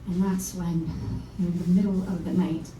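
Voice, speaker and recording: An actress playing a blunt, self-mocking singer-songwriter of around thirty who has come back home. She confides and swears casually in a very dark, mellow voice. She is heard from a distance in a roomy venue, with a faint instrument playing behind her. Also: lowish voice, level tone, moderate pace, slight background noise, natural voice. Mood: wry, confessional. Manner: frank, wry, confessional, swears casually. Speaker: lead actor in a one-woman musical. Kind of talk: stage monologue at a live reading. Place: small performance venue.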